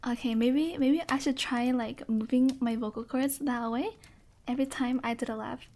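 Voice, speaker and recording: High-voiced giggly woman streamer. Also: fairly even intonation, moderate pace, a little mellow. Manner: giggly, laughs often; apologetic and self-mocking. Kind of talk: casual live-stream chat.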